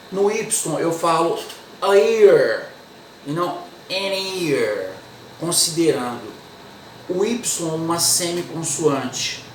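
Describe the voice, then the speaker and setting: A Brazilian man teaching English pronunciation, repeating each word slowly and patiently. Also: fairly high pitch, roomy sound, distant mic, a little hiss or hum, poor audio. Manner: slow, repetitive, drills words one by one. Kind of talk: pronunciation lesson.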